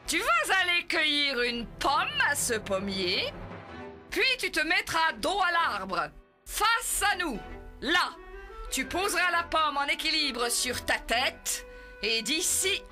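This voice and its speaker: Woman doing a cruel male tyrant, menacing, mock-friendly, bright lively voice, slow drawn-out threats, faint music underneath. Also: high-pitched, voice pushed up, heavily acted.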